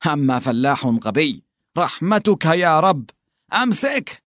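A man's voice: a little high, big pitch swings, a little slow, a bit bright, no room sound, clean studio sound, pitched above the performer's own voice. A man doing a bossy, shivering young hunchback peasant. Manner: bossy, scolding, shivering with cold.

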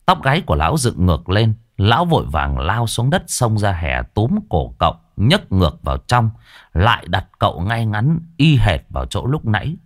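Guy telling a ghost story, low voice but really lively, dry close mic. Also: normal speed, no room sound. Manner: animated, folksy.

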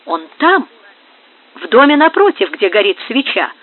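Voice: high voice, big pitch swings, measured pace, dry recording, pitched above the performer's own voice, heavily acted. A wary, cheeky yard worker who answers back, done by the audiobook reader in a raised voice. The sound is narrow and phone-like.

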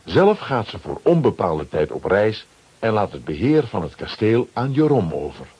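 A man reads a children's adventure story from a script at a moderate pace. His voice is low-ish and very husky, swinging dramatically and animatedly in intonation.

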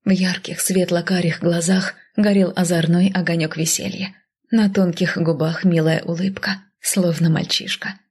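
Husky low-voiced woman narrating a story. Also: flat delivery, moderate pace, darkish tone. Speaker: audiobook narrator. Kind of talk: first-person audiobook narration.

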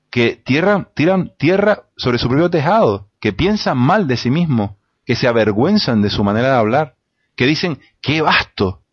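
A man argues his case in a panel debate, stacking rhetorical lists and pausing on hesitant fillers. His voice sits in a middle register. The sound is dry and a little dull, like a modest studio recording. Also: medium pitch, dry recording. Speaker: debate guest. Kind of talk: impassioned studio debate argument.

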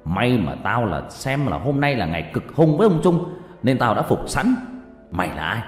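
A man's voice: medium pitch, very animated, moderate pace, close to an everyday voice. A man playing a stern, commanding old male feng shui master who barks orders and threats. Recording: echoey reverb with background music.

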